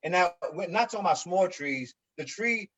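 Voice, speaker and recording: A man in his forties from New York speaks on a virtual panel about his housing community. His voice sits fairly high, and he talks in an earnest, halting way, repeating words as he works toward each point. The video call audio is dull and lo-fi. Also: expressive, a bit bright. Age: 40s. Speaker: resident association leader. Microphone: video call mic.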